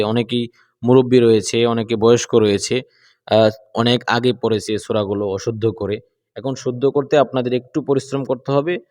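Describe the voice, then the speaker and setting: A man teaching Quran recitation, chanting verses slowly and explaining pronunciation patiently. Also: lowish voice, darkish tone. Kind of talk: slow recitation lesson with explanations. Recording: long hall reverb.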